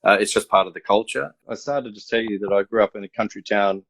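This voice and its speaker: This Australian man in his fifties, an athletics coach from country New South Wales, rambles easily through stories in a casual remote interview by video call, dropping plenty of "uh"s. His pitch is fairly low, he talks fast, and there's no echo.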